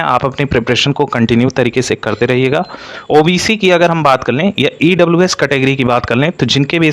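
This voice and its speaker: A man with a mid-range voice presents for an exam-coaching outfit, explaining an update to candidates and relying on repeated stock phrases.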